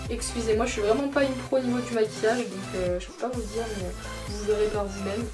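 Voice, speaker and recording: A woman's voice: on the high side, fairly even intonation, quick pace, far from the mic, music in the background. A young woman chatting through a casual vlog from a bedroom, hesitant with many fillers and apologies. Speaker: beauty vlogger. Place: her mother's bedroom, indoors. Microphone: camcorder mic.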